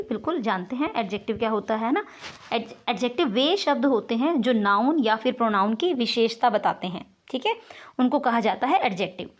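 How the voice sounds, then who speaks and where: High-voiced woman teaching grammar. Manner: patient, explains step by step with frequent "okay ji" check-ins. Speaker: English teacher. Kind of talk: online grammar lesson.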